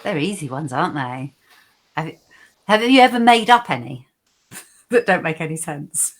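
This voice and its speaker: A woman's voice: sits low, lively intonation, moderate pace. A woman chatting casually as a guest on an online show, with a playful, teasing manner. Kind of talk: casual chat.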